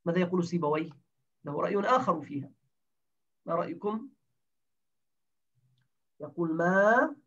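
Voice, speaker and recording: A man's voice: sits high, animated, normal speed, pauses often, a bit bright. A man teaching a grammar class, explaining step by step and quizzing his students with questions. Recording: distant dull lo-fi recording.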